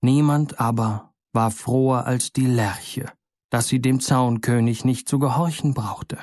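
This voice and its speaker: Male storyteller, mid-pitched, dry close sound, fairy tale reading. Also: no room sound. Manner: measured, expressive storybook narration. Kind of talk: fairy tale read aloud.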